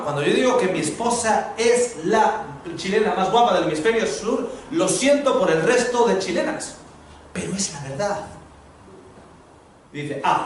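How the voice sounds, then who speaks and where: Man, preacher, high voice, humorous sermon, very echoey hall, faint noise. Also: distant mic. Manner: humorous storytelling, lively preaching to a congregation. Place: large hall before a congregation.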